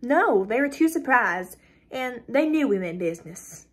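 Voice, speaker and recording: A woman's voice: fairly high pitch, a little slow, breathy edge, pitched above the performer's own voice, full character voice. A woman voicing a callous young female cult member who brags coldly about violence, reading a dramatic script. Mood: matter-of-fact. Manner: boastful, coldly matter-of-fact with bursts of excitement.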